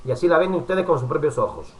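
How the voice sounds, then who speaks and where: Preacher over faint music. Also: male voice, a little high, expressive, low-quality recording. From Spain. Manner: warm pastoral address with frequent asides, pausing to work the computer. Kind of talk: recorded Bible study sermon.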